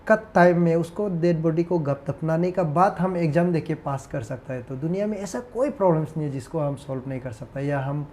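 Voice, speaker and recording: A man's voice: a little high, fairly quick, few pauses, mellow, a little hiss or hum. A man, a guest on a talk show, telling a personal story in an earnest, hesitant, reflective way.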